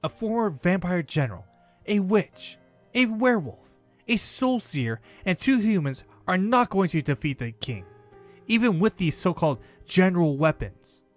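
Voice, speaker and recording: A man's voice: high voice, big pitch swings, moderate pace, soft background music. A man playing a bitter, hot-headed mystic hunter in an amateur drama, scornful and emphatic. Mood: scornful anger. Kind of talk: amateur animated drama acting.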